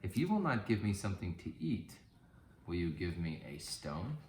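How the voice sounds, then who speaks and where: A man's voice: low voice, big pitch swings, normal speed, darkish tone, roomy sound, slight background noise. A man voicing a hungry, crafty, confident young man in a storybook tale. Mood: persuasive. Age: young adult.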